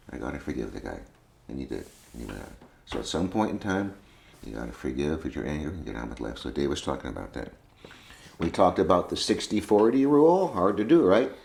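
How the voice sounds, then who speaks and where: A deep, slightly mellow male voice with vocal fry addresses a group of veterinary students in a conference room. His lecture is folksy and conversational, and he repeats his points. The recording is echoey with faint ambience.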